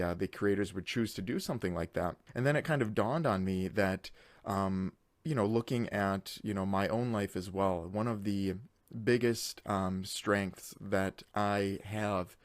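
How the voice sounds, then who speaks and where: Guy thinking out loud on his channel, lowish voice, lots of ums, dry close sound. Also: dry recording. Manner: reflective, halting, many filler words and restarts. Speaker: YouTube host. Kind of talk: unscripted solo monologue.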